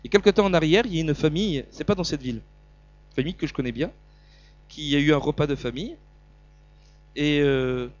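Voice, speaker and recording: Preaching briskly in a fairly high voice, a middle-aged southern French man stumbles, repeats himself, and alternates loud emphatic lines with quieter asides. He pauses often, and the recording sounds muffled.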